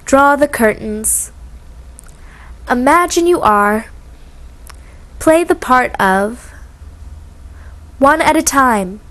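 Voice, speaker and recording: Slow, high-voiced woman reading commands. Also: animated, a bit bright. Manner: slow, clearly articulated, pausing after each phrase. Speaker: English instruction reader.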